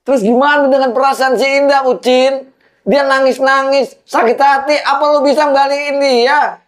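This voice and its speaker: In a low-budget film, a man plays an angry middle-aged father who confronts his son-in-law. His voice is very high-pitched with fairly even intonation at a normal speed, and he sounds furious, scolding, insistent and confrontational.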